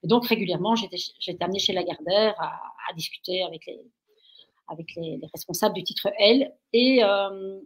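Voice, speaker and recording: A woman's voice: mid-range voice, brisk, husky. A woman from Belgium, a guest in an interview, telling stories with lots of energy and getting carried away as she talks. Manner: energetic, gets carried away when talking. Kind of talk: animated storytelling.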